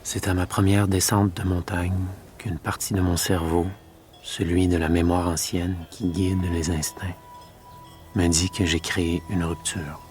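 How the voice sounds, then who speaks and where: An actor narrating as a young shepherd reflecting on mountain life, in calm literary voice-over. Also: male voice, low-pitched, a little slow. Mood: reflective. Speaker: film narrator. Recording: voice-over with loud music behind.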